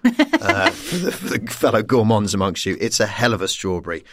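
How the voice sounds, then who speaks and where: A man's voice: on the low side, huge pitch swings, brisk, fairly bright tone, no echo, clean studio sound. A man chatting as a comedian guest on a panel, playful and laughing as he rambles through asides. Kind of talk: casual panel chat.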